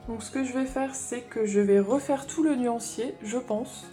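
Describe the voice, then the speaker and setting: A woman's voice: fairly high pitch, moderate pace, warm tone, soft background music. A woman chatting casually in a haul vlog, explaining her craft supplies as she thinks aloud. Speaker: craft vlogger.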